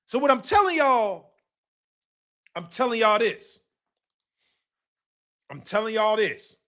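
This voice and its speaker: Hosting a live boxing talk stream, a man speaks in a high, very animated voice and takes it slowly. His manner is casual and emphatic, with repeated points, swearing, and sudden shouts.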